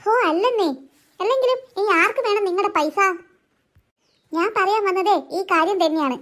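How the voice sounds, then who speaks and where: A woman voicing a sharp-tongued cartoon wife. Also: very high-pitched, lively intonation, moderate pace. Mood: bickering. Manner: bickering, sarcastic.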